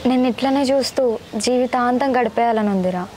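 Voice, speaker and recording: A woman's voice: on the high side, brisk, natural voice. A young actress playing a village woman in love with a Telangana Telugu accent, speaking fondly. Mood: affectionate. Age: young adult. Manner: affectionate, fond. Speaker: young eloping bride. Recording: background music.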